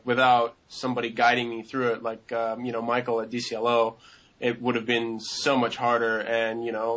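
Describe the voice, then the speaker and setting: A man's voice: medium pitch, fairly bright tone, lo-fi sound. A man in his twenties answering interview questions in a rambling way, with many fillers and restarts.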